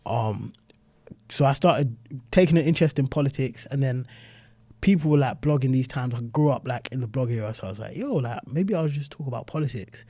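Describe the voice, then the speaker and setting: A young man from South London with a London accent, telling stories as a guest in casual podcast chat, animated and full of "like". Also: medium pitch, dry recording. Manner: fast, chatty, peppered with "like", animated.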